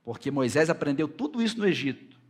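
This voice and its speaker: A man with a Brazilian Portuguese accent preaching a sermon as pastor, slowing to stretch out scripture readings and climbing to loud, high passages when he quotes God and Moses. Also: very animated.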